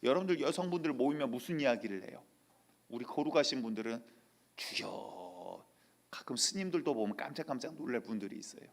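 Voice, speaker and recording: A male pastor delivering a sermon in church, telling lively stories and acting out quotes. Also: medium pitch, fast. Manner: lively storytelling with acted-out quotes.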